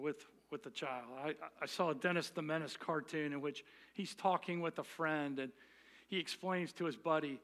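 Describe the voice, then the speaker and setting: A man's voice: fairly high pitch, fairly bright tone. A middle-aged male pastor giving a sermon on parenting, often restarting and repeating words. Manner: halting, repeats words while speaking.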